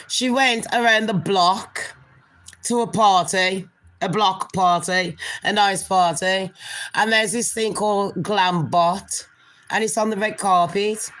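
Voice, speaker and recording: On a casual gossip livestream, a nasal-voiced woman speaks at mid pitch, rambling as she chats and frequently turning to her viewers as people or darlings. Her sound is a bit bright.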